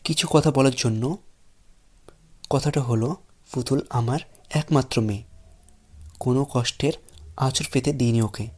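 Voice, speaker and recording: An actor playing a stern, protective wealthy father in a Bengali audio drama, giving a measured, pointed warning. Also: medium pitch, darkish tone, natural voice.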